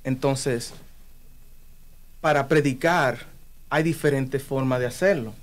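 A man with a medium-pitched voice speaks slowly, preaching earnestly in conversation. He talks about his faith with passion and emphasis.

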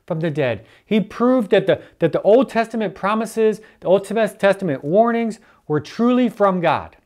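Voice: medium pitch, animated, normal speed, darkish tone. A church elder preaching earnestly and stressing key points by repeating them. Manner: earnest, emphatic repetition.

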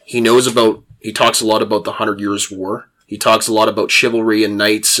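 A man's voice: fairly low pitch, pushed and bright. A man in a casual, explanatory discussion of history, often repeating and rephrasing his points as he goes.

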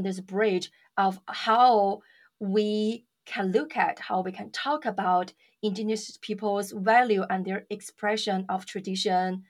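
A woman speaks in a middle register with an earnest, reflective manner. She lays out her thoughts on her work as a museum educator. The conversation has the easy pace of a podcast interview. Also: medium pitch.

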